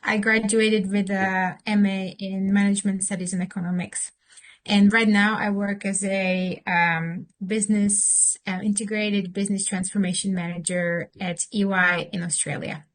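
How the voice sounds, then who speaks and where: A woman from Slovakia in her thirties, speaking in a mid-range voice as an interview guest. She answers thoughtfully, pausing with fillers and restarting her sentences as she goes. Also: medium pitch, flat delivery.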